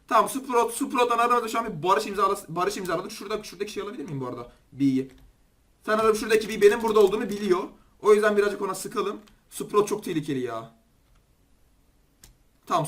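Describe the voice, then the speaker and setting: Young male gaming commentator, Turkish accent, high and rapid, excitable and chatty with viewers. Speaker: gaming YouTuber. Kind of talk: gameplay commentary.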